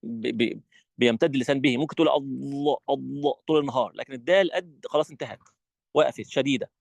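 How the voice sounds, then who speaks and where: A man with an Egyptian Arabic accent teaching Quran recitation rules in an online training session, animated and demonstrative. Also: medium pitch, rapid-fire, vocal fry, no echo. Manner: animated, demonstrative, acts out his classroom.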